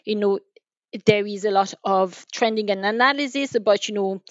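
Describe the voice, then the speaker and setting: An enterprise sales manager, interviewed as a podcast guest, talks through business topics in a chatty, hesitant manner, repeating words while she gathers her thoughts. Her voice is medium in pitch. The audio has no echo and comes across dry and dull, like a narrow-band online call.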